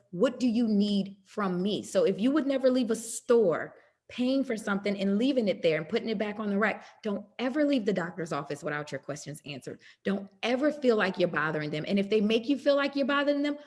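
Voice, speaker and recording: A middle-aged woman health care provider speaking on a panel discussion, animated and quick, acting out talks with patients and doctors. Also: mid-range voice.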